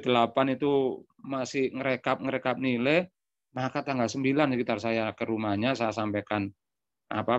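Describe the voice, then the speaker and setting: Giving a testimony, a man reminisces about his own experience in a mid-range voice, voicing snippets of dialogue and leaning on lots of fillers. The sound has no echo and is dry, dull and lo-fi.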